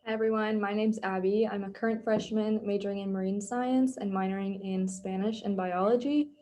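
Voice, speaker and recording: A young woman from Minnesota, a student panelist introducing herself in a soft-spoken, low-key way. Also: fairly even intonation, a little fast. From Saint Paul, Minnesota. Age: young adult.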